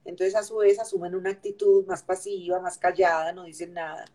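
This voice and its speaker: A woman's voice: lowish voice, little pitch movement, brisk, dark tone. A woman, a grief counselor, explaining in an interview and repeating phrases for emphasis.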